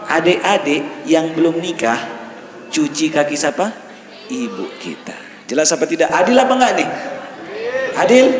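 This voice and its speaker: A man with an Indonesian accent delivers a sermon in a high, ringing voice. He tells stories with lively swings, quizzes his listeners, and climbs to shouts. The hall around him is roomy, with a long echo. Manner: animated storytelling, questions to the crowd, shouted climaxes. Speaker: preacher. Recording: echoey hall reverb.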